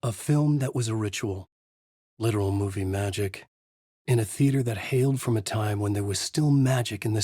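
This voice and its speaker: This clip features a studio-quality recording, free of room sound, where an actor plays a haunted, brooding male writer telling a noir horror thriller. He speaks in a grave, measured, dramatic manner, and his natural-sounding voice is husky, mid-range and slightly mellow.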